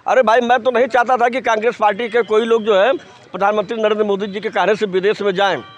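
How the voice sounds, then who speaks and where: A man's voice: high-pitched, little pitch movement, fast talker. A man in a street interview, talking emphatically and often repeating the same filler phrase. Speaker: passerby giving opinion. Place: outdoors on a city street.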